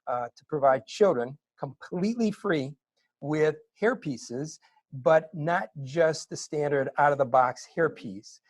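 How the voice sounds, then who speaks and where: A middle-aged man telling his story as an interview guest, animated and building to excited bursts. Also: fairly high pitch, slow pace, no echo. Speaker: interview guest, wig maker.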